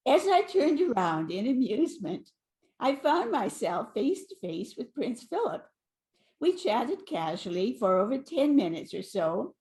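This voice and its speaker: An older woman, a guest on a live online event, reading a prepared anecdote in a gentle storytelling way. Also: fairly high pitch. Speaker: guest sharing a memory.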